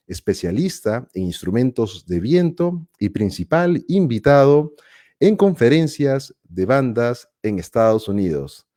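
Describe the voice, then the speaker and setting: A man hosting a live-stream interview, enthusiastic and quick to exclaim in wonder. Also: mid-range voice, warm tone. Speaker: host.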